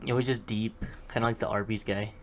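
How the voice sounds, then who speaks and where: A man's voice: on the low side, flat delivery, brisk, a little hiss or hum. A man casually reading a film script aloud in a rambling, chatty way, with many fillers and asides to himself. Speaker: hobby script reader.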